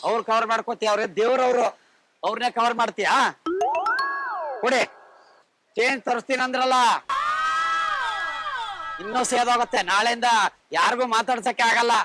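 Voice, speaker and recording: A man's voice: extremely high pitch, little pitch movement, moderate pace, long pauses, over a noisy crowd. A man playing a pushy prankster posing as a holy man, scolding and ordering people about in a hidden-camera prank. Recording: noisy street recording.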